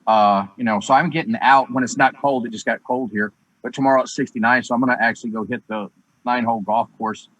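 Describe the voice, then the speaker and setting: A man's voice: medium pitch, fairly even intonation, fast talker, a bit bright, no echo, low-quality recording. Easygoing man. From Alabama. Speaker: panel guest. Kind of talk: casual debate talk.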